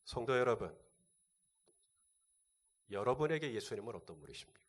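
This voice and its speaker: A man's voice: medium pitch, big pitch swings, normal speed. A male pastor delivering a sermon, asking the congregation rhetorical questions and answering them.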